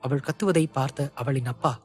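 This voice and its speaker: A man's voice: medium pitch, husky. Man narrating an audio novel. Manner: steady, measured storytelling. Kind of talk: scripted story narration.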